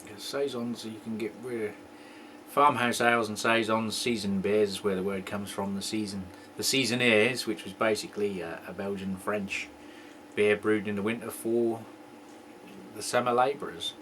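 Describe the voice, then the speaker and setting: Rambling homebrew host. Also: male voice, fairly low pitch, steady tone, moderate pace, fairly bright tone, slight background noise. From England. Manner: rambling, joking, throat-clearing. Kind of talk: casual homebrew tasting chat.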